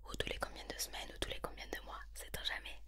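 A woman in her twenties with a southern French accent in a whispered role-play, quickly whispering close to the mic as a bossy, fussy, tactless hairdresser. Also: sharp tone. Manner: rapid, bossy whispering with repeated tag questions. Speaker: ASMR performer playing a hairdresser.

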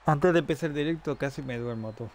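A man giving casual, excitable live commentary on the game he is playing. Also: a little high. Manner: excitable, frequent quick exclamations. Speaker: streamer. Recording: noisy game sound underneath.

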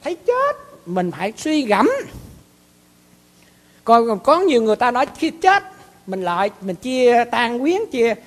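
A man's voice: very high voice, very animated, a little slow, long pauses. A man with a Southern Vietnamese accent, a monk and abbot giving a dharma talk in a folksy, repetitive storytelling way. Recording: long hall reverb.

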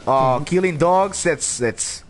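A man's voice: fairly high pitch, slow pace, faint music behind. A man giving casual, chatty gameplay commentary as a streamer, with a playful manner. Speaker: game streamer. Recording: clear background game noise. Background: game ambience.

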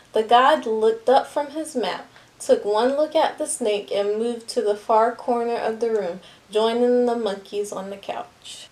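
Lively storybook reader, a woman with a slightly high voice. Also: poor audio. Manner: expressive, lively narration. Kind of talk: children's book read aloud.

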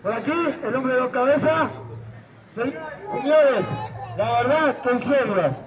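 A man's voice: extremely high pitch, unhurried. A man with an Argentine accent working a street crowd as a playful kids' party entertainer, coaxing, joking and projecting his patter. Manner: projecting to a crowd, countdown calls. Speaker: street circus performer. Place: large outdoor city plaza at night. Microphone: distant audience phone camera. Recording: distant phone recording, noisy city square, crowd. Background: crowd and street traffic noise.

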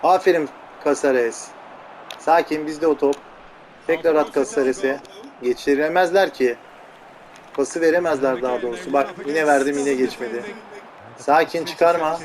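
Over his own football video game match, a man with a slightly high voice gives casual, teasing commentary at normal speed, grumbling and joking at his players. Loud game crowd audio runs underneath.

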